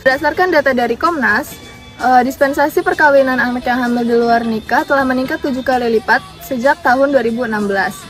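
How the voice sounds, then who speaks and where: A woman's voice: high voice, a little fast, faint music behind. A woman reading narration for a student presentation. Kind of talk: read narration.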